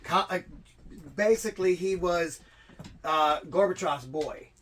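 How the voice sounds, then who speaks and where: A man hosts a wrestling show, joking and rambling through a casual chat and rankings rundown, with stammered restarts. His voice is high, unhurried, and a bit bright, with clear room noise in the background.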